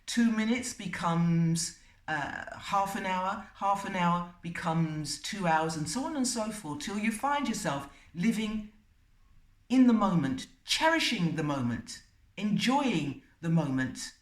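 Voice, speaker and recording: A woman hosts a self-help video, speaking slowly in short, unhurried phrases with pauses between them. She mixes motivational advice with storytelling. The recording is roomy and echoey, with her voice set back from the microphone. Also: fairly low pitch, animated. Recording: roomy and distant from the mic.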